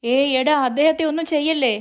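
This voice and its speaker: A woman's voice: high-pitched, brisk, pitched above the performer's own voice, close to an everyday voice. A woman voicing a young woman who pleads and argues on the phone in distress. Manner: pleading, upset, defiant.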